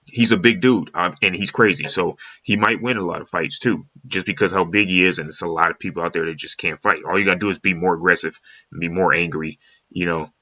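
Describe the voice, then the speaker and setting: A man's voice: low voice, fairly quick, pushed and bright. A man giving blunt, slangy, casual commentary with strong opinions. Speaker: video commentator. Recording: echoey room, slightly dull sound.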